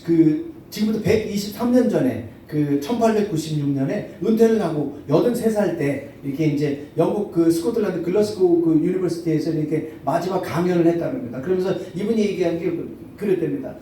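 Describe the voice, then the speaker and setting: Brief: middle-aged male pastor, halting storyteller, deep dark tone, echoey church hall from far off. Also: a little hiss or hum. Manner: storytelling, halting with many fillers. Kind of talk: sermon. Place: church sanctuary.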